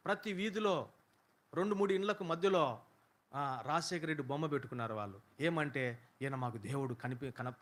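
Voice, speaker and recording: Impassioned male preacher. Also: on the high side. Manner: impassioned, builds to loud rhetorical questions. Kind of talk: sermon storytelling.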